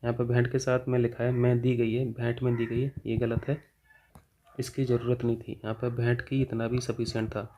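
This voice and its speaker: A man's voice: mid-range voice, level tone, fairly quick, warm tone, slight background noise. A man teaching grammar, working through exam questions and answering his own questions as he goes. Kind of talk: explaining exam test answers.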